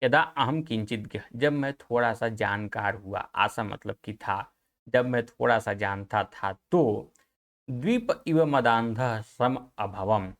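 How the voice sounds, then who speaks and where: A man with a Hindi accent giving an exam-prep Sanskrit lecture, chanting verses slowly and then explaining them quickly. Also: on the low side, fairly bright tone. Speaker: Sanskrit teacher.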